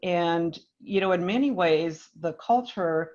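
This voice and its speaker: A woman from Minnesota, a business leader speaking on a panel in a measured, thoughtful way with frequent restarts. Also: on the low side, darkish tone, lo-fi sound. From Minnesota, United States. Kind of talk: panel discussion.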